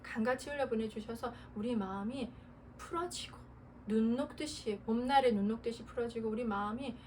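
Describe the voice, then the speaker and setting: A woman's voice: a little high, a little fast, a little mellow. A woman pastor delivering an earnest Sunday sermon, sometimes laughing as she acts out prayers. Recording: distant mic with faint noise.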